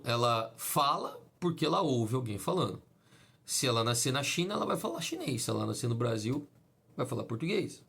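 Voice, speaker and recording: A man from Brazil delivers a sermon in a husky, slightly rough voice. He teaches patiently, posing questions to the listener and answering them himself, and circles back over each point. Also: medium pitch, a bit bright. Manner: teaching, repetitive, asks and answers his own questions. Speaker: preacher.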